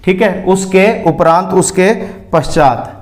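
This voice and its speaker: A man teaching a spelling lesson, slowly repeating each word to show how it is said. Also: high voice, echoey room. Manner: slow, careful, repeats words to show pronunciation. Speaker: Hindi grammar teacher.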